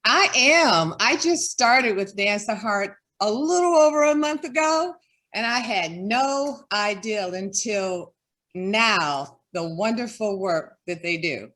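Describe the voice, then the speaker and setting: Earnest woman guest talking slow and heartfelt about her nonprofit work. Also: medium pitch, expressive, fairly bright tone. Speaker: development director. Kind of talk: interview guest.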